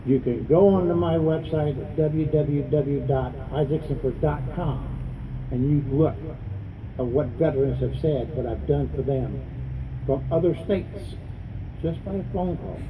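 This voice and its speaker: A man delivers a political stump speech in a medium-pitched voice. He is adamant and plain-spoken, hammering points home through repetition. The microphone sits at a distance, with clear vehicle noise around him. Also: unhurried, phone-quality sound. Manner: adamant, plain-spoken, repeating phrases for emphasis. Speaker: congressional candidate and veterans advocate. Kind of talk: campaign speech at a news conference.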